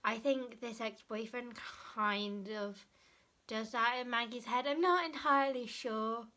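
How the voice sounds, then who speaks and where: Young woman, book vlogger, casual chat, bright tense tone, self-correcting, searching for words. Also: a little high, measured pace.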